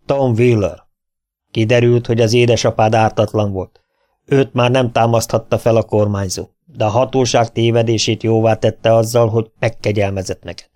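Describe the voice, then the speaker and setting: A man's voice: on the low side, flat delivery, a little mellow, lightly acted. Sex: man. Figure: a man doing a stern commanding sheriff. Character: stern small-town sheriff, firm and commanding.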